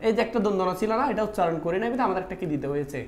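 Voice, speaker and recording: Male online tutor, quick and high-pitched, in an echoey room, keeps quizzing the class. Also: animated. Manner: talks to students directly, repeats "dekho" often; asks questions and answers them himself. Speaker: online Bangla admission-test teacher. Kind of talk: live online class, explaining spelling questions.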